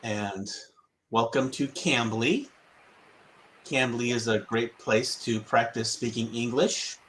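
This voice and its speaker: Slow, patient man tutoring. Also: medium pitch, a bit bright, a little hiss or hum. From United States. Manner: patient, repeats the student's answers back; chuckles often. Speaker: English tutor. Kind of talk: casual conversation practice.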